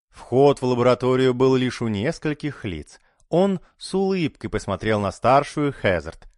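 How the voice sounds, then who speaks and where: A male narrator reading a dark audiobook. His delivery is lively and expressive, with plenty of pitch movement. The recording is dry and close. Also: dry recording.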